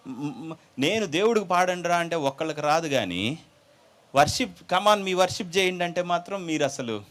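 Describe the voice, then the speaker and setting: Preacher guy telling a bible story with jokes, voice kinda high, swings all over. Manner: animated, acts out dialogue, jokes with listeners. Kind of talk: humorous sermon storytelling.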